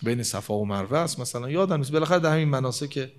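Preaching from the pulpit, a man with an expressive, mid-range voice moves between raised and hushed tones, slowing dramatically whenever he quotes scripture.

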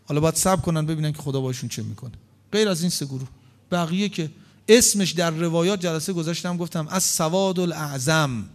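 A male preacher giving a religious sermon, emphatic and argumentative, firing rhetorical questions and swinging between loud outbursts and hushed asides. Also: sits high.

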